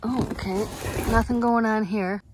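A woman's voice: on the high side, measured pace. A middle-aged woman chatting casually on her van camping vlog, upbeat and thinking aloud as she shows things around her parked minivan. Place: inside a parked minivan, heater running. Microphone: phone camera held or mounted close. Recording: steady heater noise behind.

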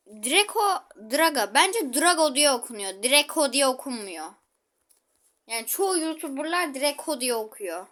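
A woman's voice: on the high side, fairly bright tone. A woman giving chatty gameplay commentary, exclaiming and talking to her viewers while she plays. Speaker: gaming channel host.

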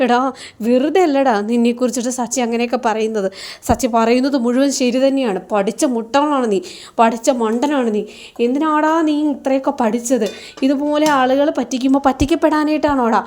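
A woman voicing a sharp-tongued middle-aged mother who scolds her grown son. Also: high-pitched, steady tone, fairly quick, natural voice. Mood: scolding. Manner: scolding, exasperated.

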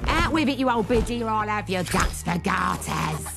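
A woman voicing a rude, scrappy gangster bear with a British accent in an animated film. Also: medium pitch, unhurried, creaky, loud music behind the voice. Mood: threatening.

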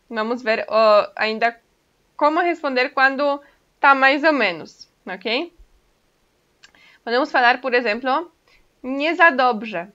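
Bright-voiced woman teaching a language. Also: fairly high pitch. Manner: patient, explains step by step, often checks in with "ok?". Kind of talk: casual online language lesson. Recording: dull lo-fi recording.

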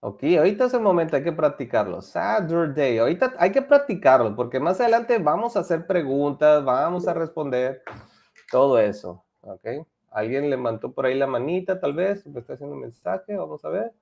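Lively bilingual teacher. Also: male voice, fairly high pitch, normal speed, vocal fry. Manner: lively, mixes Spanish and English, coaxing students. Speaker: English teacher. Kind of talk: online class for children.

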